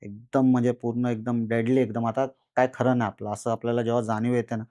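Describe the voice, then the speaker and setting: A man recounting a first-person horror experience in a podcast conversation, animated and repetitive with dramatic pauses. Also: medium pitch, no echo, studio quality. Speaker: guest storyteller.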